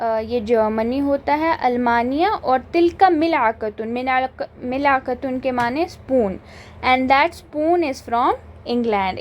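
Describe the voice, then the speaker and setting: A woman with a high voice teaches an Arabic grammar lesson and speaks very slowly and deliberately. She reads each example sentence and then translates it word by word. She often stops to ask if the point is clear. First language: Urdu. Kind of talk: grammar lesson in mixed Hindi-Urdu and English.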